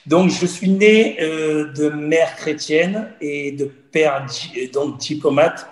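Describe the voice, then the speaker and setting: A man's voice: on the high side, slow, slight background noise. A man in his forties from Cameroon, telling his personal story as a guest in an earnest, repetitive way. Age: 40s. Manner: earnest, storytelling, repeats phrases. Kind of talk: personal testimony in conversation. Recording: roomy echo.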